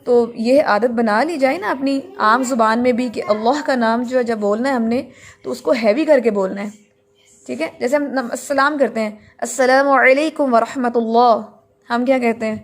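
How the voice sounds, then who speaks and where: A woman's voice: a little high, moderate pace. A woman teaching tajweed in a recorded lesson, explaining patiently and drawing out words to model them.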